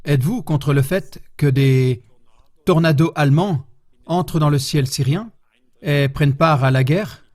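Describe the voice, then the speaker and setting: A man giving a public lecture as a historian, speaking in a measured way and putting rhetorical questions to his audience. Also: a little high, darkish tone.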